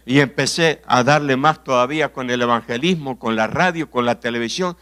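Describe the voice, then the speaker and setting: A man from Argentina with an Argentine accent preaching a sermon, telling stories, asking rhetorical questions and often clearing his throat. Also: mid-range voice, a little fast, a bit bright. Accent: Argentine Spanish. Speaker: pastor.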